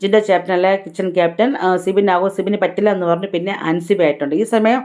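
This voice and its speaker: A woman's voice: fairly low pitch, fast talker, darkish tone. A woman vlogger giving a chatty, casual recap of a reality show episode, retelling who said what. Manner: chatty, tag-heavy retelling.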